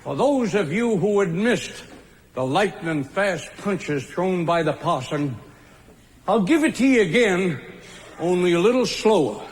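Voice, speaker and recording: Homespun showboat captain hamming it up, high lively voice, slow, big echoey hall. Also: male voice, slight background noise. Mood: folksy. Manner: folksy showman patter with homespun grammar. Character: folksy showboat captain addressing the audience. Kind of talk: stage musical. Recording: live theater with long reverb.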